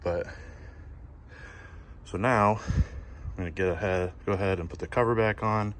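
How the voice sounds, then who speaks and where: Low-voiced man walking through a car install. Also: unhurried, a little hiss or hum. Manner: relaxed, explains step by step while working. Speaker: car DIY vlogger. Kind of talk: casual install walkthrough. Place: outdoors by a car engine bay.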